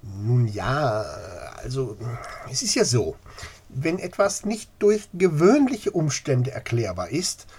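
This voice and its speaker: A man's voice: medium pitch, sing-song, takes it slowly, a little mellow, husky, heavily acted. A man voicing a hesitant, formal male park manager who explains things at length. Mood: earnest. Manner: hedging, long-winded and formal.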